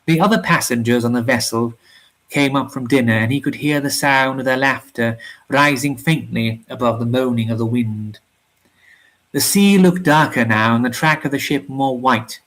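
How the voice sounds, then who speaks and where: A man reading an old short story aloud, steady, with occasional slips and restarts. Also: mid-range voice, moderate pace. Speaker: audiobook reader.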